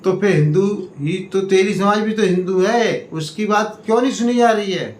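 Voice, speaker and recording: A man giving a political speech to community members, in slow, emphatic oratory that swings between raised appeals and low warnings. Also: a little mellow, slight background noise. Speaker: party state president. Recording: echoey room, faint ambience.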